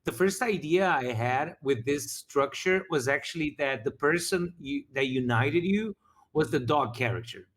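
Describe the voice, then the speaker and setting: A man's voice: a little high, lively intonation, measured pace, fairly bright tone, a little hiss or hum. A man talking casually as a game master, rambling with frequent restarts while reflecting on his campaign. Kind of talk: casual after-show chat.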